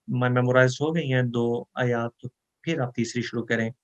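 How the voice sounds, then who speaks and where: A man teaching Quran memorization, explaining pronunciation rules and reciting verses in a slow, drawn-out chant. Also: mid-range voice, fairly bright tone, muffled recording. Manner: explains Urdu rules mixed with English words. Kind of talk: online recitation lesson.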